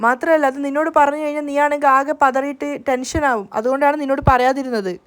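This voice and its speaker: Woman voicing a young man, calm, gentle, reassuring, high light voice. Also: fast talker, close to an everyday voice.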